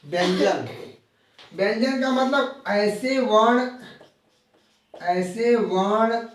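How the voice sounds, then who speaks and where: High-voiced male teacher in an echoey room. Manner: explains slowly, repeating key terms and drawing out example sounds. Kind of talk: live online grammar lesson. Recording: very echoey room, voice from far off the mic.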